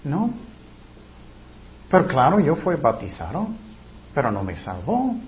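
A man's voice: fairly high pitch, wildly swooping pitch, measured pace, a little hiss or hum. A man preaching a sermon in earnest, emphatic Spanish with some grammar slips, repeating his key points. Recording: dull lo-fi recording.

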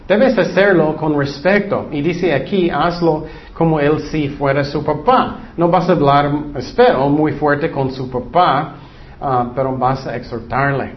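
A man delivers a casual Bible lesson in a slightly high voice, earnest and conversational, stepping aside often to explain. The recording is dull and lo-fi, with little top end. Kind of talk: informal Bible teaching.

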